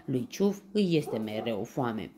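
A woman from Romania reading a children's bedtime story in an expressive, lively way. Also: rumbling low, crowd noise.

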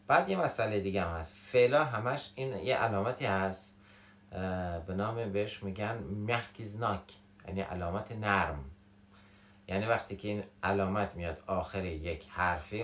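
A man's voice: fairly low pitch, roomy sound. A man with a Shirazi Persian accent giving a casual spoken language lesson, playful and acting out everyday examples. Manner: playful, acts out everyday examples, swings between animated and quiet. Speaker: Russian language teacher.

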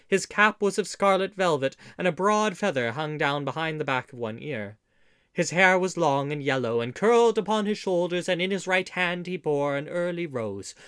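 A man reads an old adventure tale in a theatrical, storyteller's manner, his voice sitting a little high for a man. The sound is dry and close to the mic, with no room around it. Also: clear, resonant tone, dry recording. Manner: warm theatrical storyteller, old-fashioned phrasing. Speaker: audiobook narrator. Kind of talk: storytelling audiobook narration.

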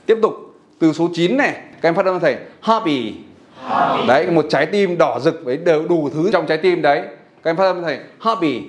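Male teacher, high voice, energetic, drilling vocabulary, coaxing students to repeat. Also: brisk, slight background noise. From Vietnam. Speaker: English teacher.

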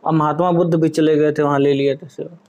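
A man talking casually to his wife and to his viewers in a home vlog, calm, firm and teasing, recorded indoors on a camera set up in front of him. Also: fairly high pitch, fast talker, lo-fi sound. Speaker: vlogger husband pulling a prank.

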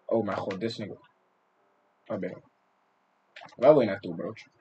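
A young man from the Netherlands giving excitable, slang-filled gameplay commentary, breaking into sudden yelps and shouts. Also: on the low side, moderate pace, dull audio, a little hiss or hum. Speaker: gaming streamer.

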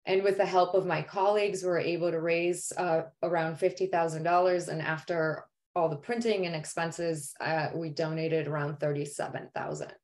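Speaking at a normal speed with few pauses, she has a low, darkish voice and fairly even intonation. The earnest artist presentation she delivers on a video call, as a woman born in Poland and raised in Greece, carries occasional "um"s while she explains.

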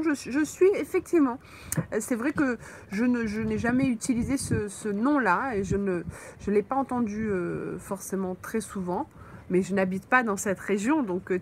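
A woman teaching French on a live stream, slowly answering viewers' comments with frequent pauses and fillers, from a holiday mobile home. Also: a little high, a little hiss or hum. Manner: slow, patient, thinks aloud with many fillers.

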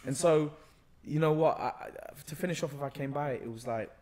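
A slightly high, brisk voice belongs to a young Londoner guesting on a podcast, recounting his experiences with slang and expressiveness. He's on a sofa in a bright room, speaking close to a mic on a boom arm.

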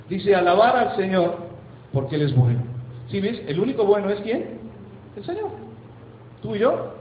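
A man preaching as pastor, emphatic, asking rhetorical questions and slowing down for effect. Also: high-pitched, roomy sound, dull audio, a little hiss or hum. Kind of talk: sermon. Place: church sanctuary.

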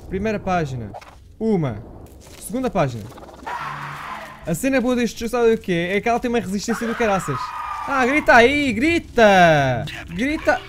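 European Portuguese gaming host, young man, excitable horror play-by-play, noisy track. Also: sits high, a little fast, long pauses. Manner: excitable, mutters to himself, swears when startled. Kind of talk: horror game commentary.

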